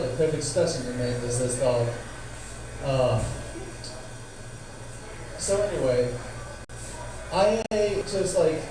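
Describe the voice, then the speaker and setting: A man doing casual stand-up storytelling in a conversational, slangy, swearing manner. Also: a little high. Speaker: stand-up comedian. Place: live comedy venue. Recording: echoey room, distant mic, noisy.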